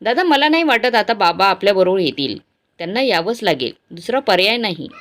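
A grown younger son, blunt and matter-of-fact about his plans, voiced by a woman storyteller. His pitch is animated. It is an emotional storybook reading. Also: fairly quick.

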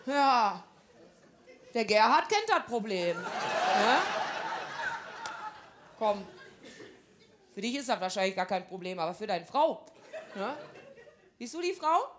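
A woman's voice: mid-range voice, very animated, slow, long pauses, noisy background. A woman delivering a stand-up comedy monologue in brash, gossipy housewife banter full of broad slang.

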